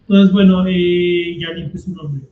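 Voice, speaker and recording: A man lectures in an easy, conversational way, asking and answering his own questions as he teaches. His voice sits high for a man. The sound is roomy and somewhat dull, like a lo-fi recording. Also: fairly even intonation, measured pace, slight background noise. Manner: conversational, frequent rhetorical questions. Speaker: teacher leading a commented reading. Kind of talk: explanatory lecture.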